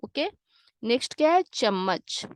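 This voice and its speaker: With a high voice that swings widely in pitch, this woman takes her time teaching children Hindi over a worksheet. She asks and answers her own questions patiently and mixes English glosses into what she explains, with no room sound audible.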